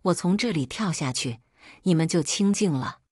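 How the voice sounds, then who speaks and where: A woman's voice: lowish voice, expressive, moderate pace, a little mellow, slightly rough, no echo, clean studio sound. A woman voicing a melodramatic sister-in-law who wails and threatens theatrically. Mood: wailing. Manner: wailing, theatrical.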